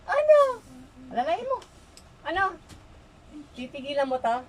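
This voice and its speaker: A woman's voice: high-pitched, big pitch swings, measured pace, heavy background noise. A woman folk healer interrogating a spirit during an exorcism, insistently repeating short questions.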